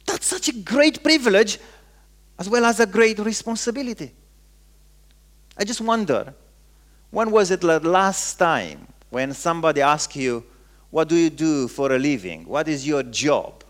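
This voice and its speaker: Preaching in Romanian-accented speech, he uses a notably high voice for a man and an expressive delivery. The sermon comes in brief, emphatic phrases, with frequent pauses and repeated words for emphasis.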